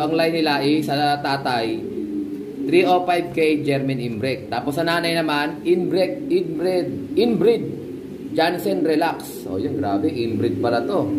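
A man talks casually to his viewers as he shows off racing pigeons, with a voice of ordinary pitch. He keeps calling out to them as guys. Pigeons coo behind him, and clear background noise fills the loft. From Philippines. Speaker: pigeon breeder and vlogger. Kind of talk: casual vlog showing birds and pedigrees. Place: pigeon loft with birds around. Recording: noisy loft with bird sounds. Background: pigeons cooing.

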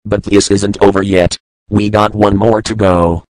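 A man's voice: lowish voice, little pitch movement, unhurried, dry recording. A man giving scornful, exasperated reaction commentary. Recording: loud music behind.

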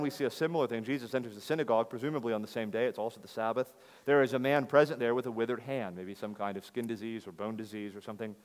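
A man's voice: medium pitch, in a large hall. A man preaching an emphatic expository sermon as pastor, asking the congregation rhetorical questions. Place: church sanctuary.

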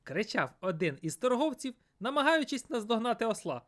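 Woman storyteller, fairy tale narration, playful with a lively melody. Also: fairly high pitch, fairly quick. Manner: playful, expressive.

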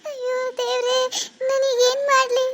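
A tearful young village wife pleads in a very high, thin voice, voiced by a woman. She talks in a fast, anxious rush. It suits a village cartoon. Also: little pitch movement. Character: young village wife, worried about her missing sister. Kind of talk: cartoon voice acting.

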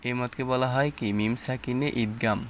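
A man's voice: mid-range voice, steady tone, moderate pace, slight background noise. A man teaching Quran reading, explaining rules and then sounding out letters and syllables one at a time. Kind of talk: slow step-by-step recitation lesson.

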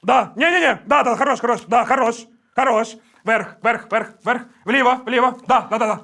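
A man's voice: very high-pitched, a little fast, gravelly, bright, forceful tone. A young man, a game show contestant, calls out short repeated directions to a teammate, swearing and laughing often. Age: young adult.

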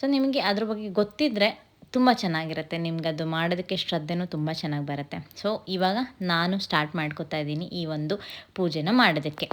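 A woman's voice: fairly low pitch, fairly quick. A woman vlogger, telling a story casually to her viewers and often checking in with them. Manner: chatty, keeps checking in with listeners.

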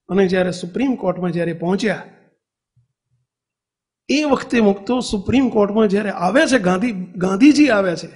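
A man with a Gujarati accent delivers a devotional sermon in a notably high voice. He tells stories and keeps turning to his listeners with questions. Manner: storytelling, asks the audience questions. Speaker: preacher.

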